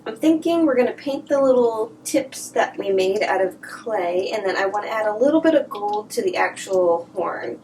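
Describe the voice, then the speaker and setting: A woman casually chatting and thinking aloud while she works on art in a vlog, sometimes dropping to a soft whisper, a little sniffly. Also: mid-range voice, animated, moderate pace, hardly any pauses, far from the mic, slight background noise, rough recording. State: sniffly from allergies. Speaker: artist vlogger. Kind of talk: casual crafting vlog chat. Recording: voice a little off-mic, faint music behind.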